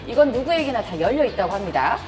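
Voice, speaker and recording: Woman in her thirties, talk-show host, lively pitch, playful teasing, music underneath. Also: quick pace. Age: 30s.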